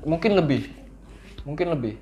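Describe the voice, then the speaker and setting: Father spinning a lively story, higher voice. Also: normal speed, dull audio. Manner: lively, acts out his own childhood lines. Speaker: father telling his children a story. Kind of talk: casual bedtime-style storytelling.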